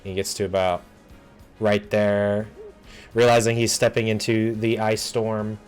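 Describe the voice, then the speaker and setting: A man narrating a tabletop game as game master, unhurried and loose, often pausing with ums and uhs. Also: fairly low pitch, flat delivery, darkish tone, smooth, faint music behind.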